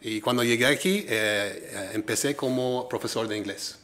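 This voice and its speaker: A middle-aged entrepreneur from Minnesota, United States, with an American English accent, answers interview questions as a guest in Spanish, his second language, hesitantly and with many fillers. His voice is mid-range and a bit bright, at a moderate pace.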